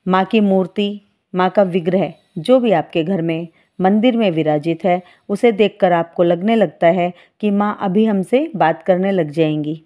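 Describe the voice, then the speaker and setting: A woman giving a calm devotional talk as a spiritual guide, speaking to her followers in a motherly way and calling them children. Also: on the low side, unhurried, lo-fi sound.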